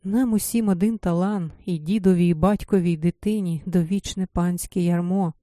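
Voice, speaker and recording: A woman's voice: lowish voice, normal speed, dark tone, dry recording, clean studio sound, natural voice. A woman voicing a weary peasant mother who speaks in a pained, bitter way.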